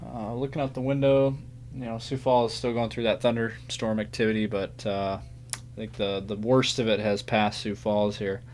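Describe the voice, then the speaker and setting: Lowish-voiced man hosting live weather coverage. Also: flat delivery, normal speed, darkish tone. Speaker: severe weather livestream host. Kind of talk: casual unscripted live weather commentary. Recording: faint background hum.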